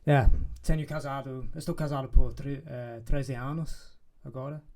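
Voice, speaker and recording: A man in his thirties with an English accent from Manchester, a native English speaker talking in Portuguese as a podcast guest. He speaks slowly in a dark, mellow voice, pausing to search for words and slipping in English fillers. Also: medium pitch, steady tone. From England, Manchester. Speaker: guest, life and business coach. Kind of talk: casual podcast interview. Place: podcast studio in a farm-like setting.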